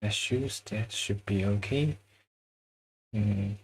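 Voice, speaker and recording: In a lowish, slow voice captured on a low-quality recording, a man from China chats with viewers during a drawing stream. He speaks with a Chinese accent, pausing to find words and letting out little chuckles.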